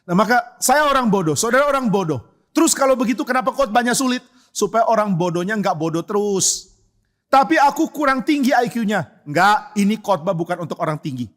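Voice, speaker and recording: A male pastor preaches in a church with a fairly high-pitched voice. He keeps the sermon conversational and humorous, firing off rhetorical questions and slipping into acted-out dialogue. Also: brisk, fairly bright tone.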